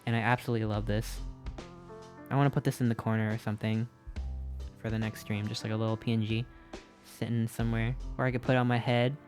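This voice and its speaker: A streamer gushing over fan art in casual live-stream chat, excitable and repeating itself, a little out of breath. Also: mid-range voice, quick pace, pauses often. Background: faint background music.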